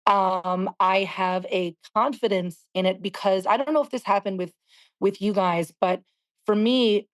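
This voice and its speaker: A woman in her forties, a singer being interviewed, talking candidly and reflectively, often pausing to search for words. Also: medium pitch, steady tone. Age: 40s. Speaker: guest singer.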